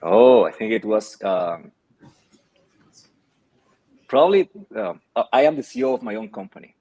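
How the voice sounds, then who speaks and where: Speaking over a video call with low recording quality, this company founder from Chile, whose first language is Spanish, gives casual interview answers as a guest. His low, warm voice swings widely in pitch at a normal pace, and he comes across as thoughtful yet hesitant, full of fillers.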